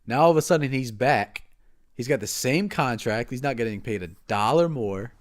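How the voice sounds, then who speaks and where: Halting man talking fight news. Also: mid-range voice, lively intonation. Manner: halting, repeats words, trails off quietly. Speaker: podcast co-host. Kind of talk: casual sports chat.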